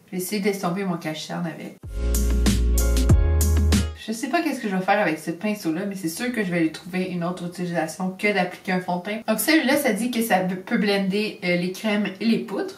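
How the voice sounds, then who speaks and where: A young beauty vlogger with a Québécois French accent and a lowish voice chats in an upbeat way while unboxing beauty products and doing her makeup, dropping in English beauty terms. The room is echoey and she sounds a bit off-mic, with the microphone at a distance.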